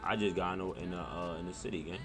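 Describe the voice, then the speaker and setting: A man's voice: low voice, steady tone, fast talker, over music. A man in his twenties livestreaming a game, joking crudely and talking to his chat. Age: 20s. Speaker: streamer. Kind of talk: casual gaming livestream chat.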